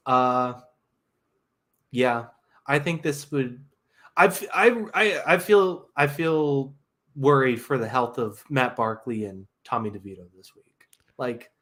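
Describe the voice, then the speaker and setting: A man co-hosts a laid-back sports podcast, joking through his picks and laughing between points. His voice sits at a middle pitch in ordinary conversation. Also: slow, pauses often, a bit bright. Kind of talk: casual sports chat.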